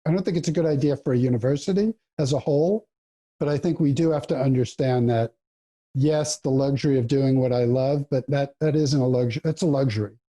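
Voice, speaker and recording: A man speaking as a podcast guest. He has a mellow, dark-toned voice, and his delivery is halting, with repeated words as he gathers his thoughts. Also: mid-range voice, husky. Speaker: guest professor. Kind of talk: casual interview chat.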